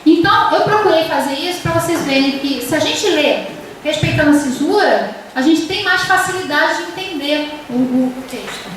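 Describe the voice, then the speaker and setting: A Brazilian woman teaches a literature class, her high voice stopping and restarting as she explains and reads verse aloud. She is picked up from a distance, and the classroom echo rings strongly around her words. A faint hum of room noise sits underneath. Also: normal speed, fairly bright tone. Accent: Brazilian Portuguese. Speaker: literature professor. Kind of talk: university lecture. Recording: echoey classroom from far off.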